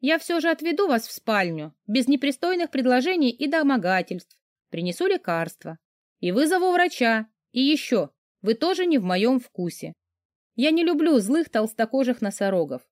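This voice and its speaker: Woman voicing a sarcastic young woman, pitched up, mock-sympathetic, audiobook, dry sound. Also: big pitch swings, moderate pace, dry recording. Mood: prim. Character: sharp-tongued young woman, flustered and sarcastic. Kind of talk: audiobook character voice.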